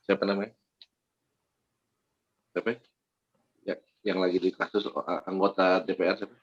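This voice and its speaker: A man in the congregation with a low voice, calling out short, helpful answers to the preacher. His voice comes through dull and lo-fi. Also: little pitch movement, moderate pace, husky. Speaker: congregation member.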